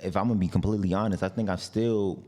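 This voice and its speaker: A very deep-voiced man with a New York accent, a guest who sings and makes art, talks fast through his story in a relaxed, rambling interview chat. He leans heavily on "like" and "you know," trailing off between thoughts, and a long hall reverb hangs over the sound.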